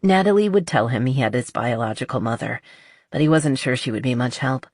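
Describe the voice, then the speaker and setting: Low-voiced woman reading a romance novel. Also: expressive, a little fast, a little mellow, slightly rough, dry recording, clean studio sound. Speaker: audiobook narrator. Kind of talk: scripted narration.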